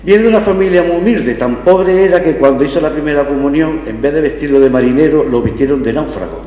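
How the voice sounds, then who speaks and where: Here the older man, speaking Spanish with an Andalusian accent, sounds a little high and warm as he rattles quickly through his festival address and its comic anecdotes. He's at a lectern in an indoor hall, using gooseneck podium microphones, with a long reverb filling the echoey space.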